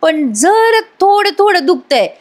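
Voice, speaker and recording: High hesitant mother faking hurt, read by a woman. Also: big pitch swings, takes it slowly, exaggerated voice. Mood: frightened.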